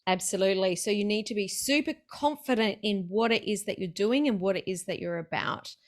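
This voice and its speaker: A woman hosting a casual interview, chatty and excited, laughing easily as she talks. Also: medium pitch, fairly quick. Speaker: podcast host.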